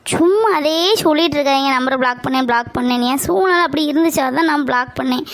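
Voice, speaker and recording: High-voiced young woman pleading. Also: fast talker, dry recording. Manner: apologetic, pleading. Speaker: girlfriend in a family skit. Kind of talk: scripted romantic drama.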